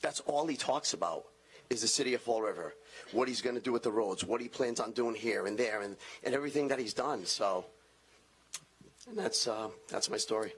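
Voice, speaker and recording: A man's voice: medium pitch, a little fast. A man born in Portugal giving an earnest public comment at a city council meeting, with frequent restarts.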